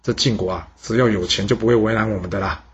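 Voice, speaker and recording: A man's voice: on the low side, fairly even intonation, fast talker, fairly bright tone, husky. A man voicing a scheming male minister who talks in an offhand, dismissive way. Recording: dull lo-fi sound.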